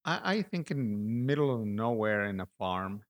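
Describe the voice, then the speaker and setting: A middle-aged Peruvian-accented artist speaks in a relaxed interview, his fairly low voice reflective and halting with many restarts.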